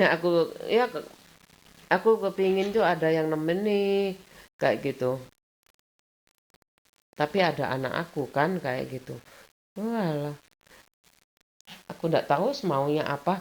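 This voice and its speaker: A middle-aged woman, chatting casually at home in a rambling vlog. She laughs often and raises her pitch when she acts out what others said. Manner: acts out quoted voices at a higher pitch. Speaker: vlogger.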